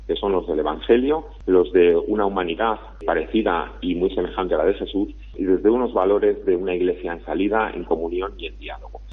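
A man speaks as a guest in a radio interview, phoning in. His voice is deep and husky, and the tinny phone line thins it. His answers are earnest and flow like a prepared speech.

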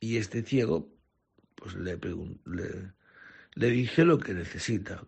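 A man's voice: low-pitched, expressive, slow pace, creaky, husky. A man, a priest, reading the gospel and preaching earnestly, with some self-corrections.

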